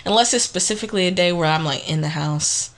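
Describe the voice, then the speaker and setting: A woman's voice: on the low side, quick pace. A woman co-hosting a podcast, chatting casually and telling rambling stories with frequent laughter. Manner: laughing, rambling, animated storyteller. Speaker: podcast co-host. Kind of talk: casual chat.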